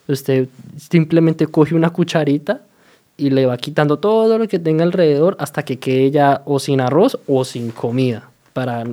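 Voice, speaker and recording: A man from Colombia with a Colombian accent, casually explaining everyday slang to his viewers. He talks in a chatty, unhurried way, with many fillers and quick "¿sí?" checks. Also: medium pitch, mellow. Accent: Colombian Spanish.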